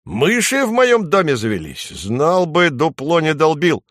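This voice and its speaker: A man's voice: a little high, big pitch swings, a little slow, a bit bright, no room sound, clean studio sound, pitched above the performer's own voice, exaggerated voice. A man voicing a fussy male woodpecker who builds houses, exclaiming indignantly in a storybook reading.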